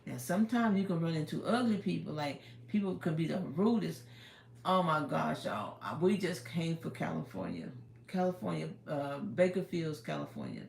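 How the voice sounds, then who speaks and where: A woman's voice: deep voice, sing-song, moderate pace, creaky, darkish tone, roomy sound, slight background noise. A woman in her fifties chatting casually on a livestream, rambling and giving life advice, talking into her phone. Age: 50s. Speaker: livestream host.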